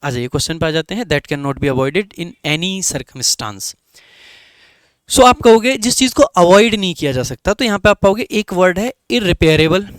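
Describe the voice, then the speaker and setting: A man's voice: high-pitched, expressive, normal speed, smooth, dry recording. A man with an Indian English accent teaching an online exam-prep lesson, explaining each answer option step by step.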